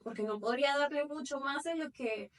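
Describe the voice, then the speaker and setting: Woman in her 30s, podcast chat, thoughtful and earnest, higher voice a bit off the mic. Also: brisk, recorded from a distance. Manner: reflective, earnest, talks at length with self-corrections. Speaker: podcast co-host. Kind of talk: casual chat.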